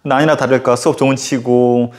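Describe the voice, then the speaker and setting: A male history teacher tells a story casually during a lecture, animated and full of fillers. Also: medium pitch, fast.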